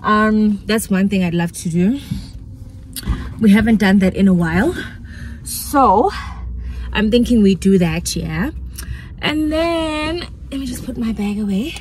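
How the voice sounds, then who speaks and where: A young woman, a singer, chatting to camera in a casual, excitable vlog, often dropping into soft hushed talk. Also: medium pitch, unhurried, long pauses, slight background noise. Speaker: vlogger and singer.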